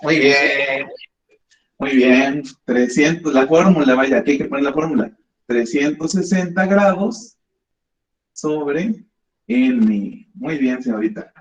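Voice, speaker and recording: A man's voice: medium pitch, takes it slowly, slight background noise. A man teaching a math class, patiently guiding students step by step. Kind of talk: classroom lesson. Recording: echoey classroom, dull lo-fi sound.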